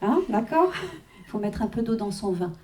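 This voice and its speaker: A woman's voice: mid-range voice, very animated, moderate pace, mellow. A woman working as a medium at a live reading, chatting with the audience, checking in constantly and laughing often. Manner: chatty, constant "hein" and "d'accord" check-ins, frequent laughs.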